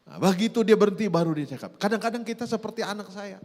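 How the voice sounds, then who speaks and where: A middle-aged man, preaching a sermon in a church hall, swinging from hushed asides to loud drawn-out emphasis. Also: high voice. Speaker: pastor.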